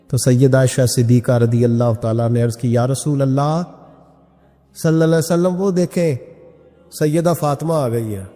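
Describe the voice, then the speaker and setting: A man's voice: mid-range voice, warm tone. A man preaching a sermon, telling stories and firing off rhetorical questions. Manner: impassioned, rises sharply for emphasis and rhetorical questions. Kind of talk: sermon storytelling. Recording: long hall reverb, faint music.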